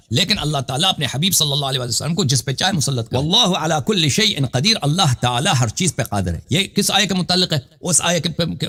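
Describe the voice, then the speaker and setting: A man's voice: on the high side, fairly bright tone. A man debating as a cleric, insistently challenging his opponent and then explaining verses and their grammar in a lecturing manner. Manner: insistent, repeatedly challenging the other to recite the verse. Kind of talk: debate and Quran exposition.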